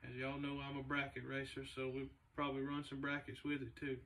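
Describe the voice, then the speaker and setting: A man, a race car builder talking casually to the camera in a halting, laid-back way with many fillers. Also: medium pitch, monotone, a bit bright. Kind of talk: casual vlog talk. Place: large indoor garage shop. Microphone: camera a few meters away. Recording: distant camera mic in a garage.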